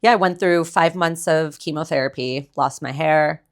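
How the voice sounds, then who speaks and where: A woman's voice: sits low, normal speed. A young adult woman talking candidly as a podcast guest, chatty and full of "like", blunt and casually swearing. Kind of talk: candid conversational interview.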